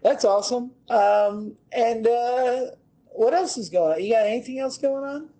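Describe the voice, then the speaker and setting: A man's voice: extremely high pitch, unhurried, dark tone. A man co-hosting a podcast in casual chat, easygoing, prompting his co-host with questions and laughing along.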